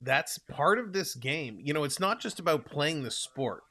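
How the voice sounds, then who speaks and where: A young man with a Toronto Canadian accent hosts a live hockey stream, rambling casually and reading viewers' comments aloud to answer them. His voice sits a little high and sounds sharp and expressive at a normal speed. He's chatty and loose throughout.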